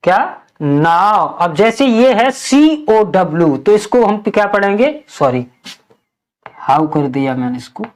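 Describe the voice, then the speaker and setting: A woman teaching English spelling in a slow lesson, spelling out letters one by one and asking and answering her own questions. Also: mid-range voice, big pitch swings, a little mellow.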